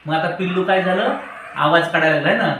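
A man's voice: high-pitched, fast talker, a bit bright, a little hiss or hum. A man teaching a classroom of children, asking them questions and prompting answers. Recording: very echoey room, voice from far off.

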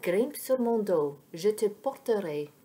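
A woman's voice: mid-range voice, expressive, takes it slowly, dark tone. A woman reading a storybook aloud, voicing a confident older girl who patiently explains the world to a younger child. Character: confident, knowing big-sister girl who likes to explain.

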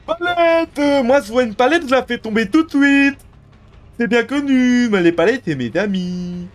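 A man's voice: very high voice, lively intonation, measured pace, voice pushed up. A man putting on a clueless, panicky video game player in mocking imitation during a stream.

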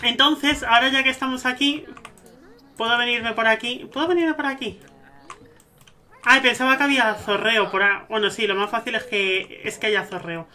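A man with a Spain Spanish accent giving gushing, excitable let's-play commentary over a life-sim game. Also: very high-pitched, normal speed. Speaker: gaming streamer.

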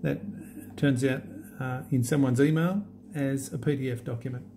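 A man walking through an app demo in a relaxed, halting way with many fillers. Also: medium pitch, vocal fry, noisy background. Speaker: app demonstrator. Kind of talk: unscripted screen demo walkthrough.

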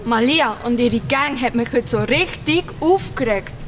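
Amateur film: woman as an indignant Swiss German schoolgirl, high and lively, noisy location sound. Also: measured pace. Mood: fed up. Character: schoolgirl fed up with a bullying gang, bent on revenge. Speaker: actor in an amateur short film.

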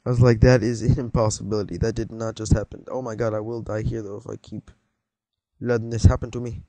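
In a low-quality recording with no room sound, a teen boy talks quickly in a fairly low, dark voice that barely moves in pitch. He gives loose, rambling commentary while gaming, startling easily and joking with the audience.

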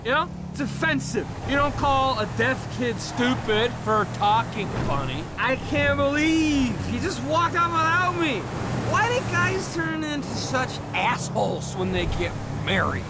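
Slurring drunk party guy, boastful, high voice, noisy game audio. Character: drunk rowdy young man boasting after a night out. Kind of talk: video game voice acting. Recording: game audio with loud background noise.

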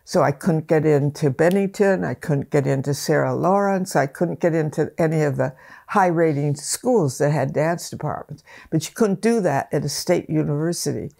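An elderly dance teacher sits for an interview in a wood-panelled room at her home, her low voice gravelly and mellow at a moderate pace. She tells stories reflectively, often restarting her sentences, framed close by the interview camera.

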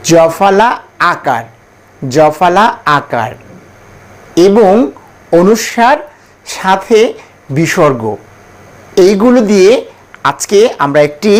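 A man with a Bangladeshi Bengali accent teaching a pronunciation lesson, drilling each letter and syllable slowly for the class to repeat. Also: on the high side, a little mellow. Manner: slow, deliberate, syllable-by-syllable drilling.

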